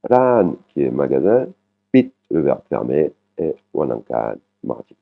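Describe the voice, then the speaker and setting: A man with an extremely deep voice walks learners through a language lesson. He explains patiently, often tags his sentences with "hein", and repeats practice words slowly. The sound is thin and tinny, like it is coming down a phone line. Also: big pitch swings, creaky. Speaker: Thai language teacher.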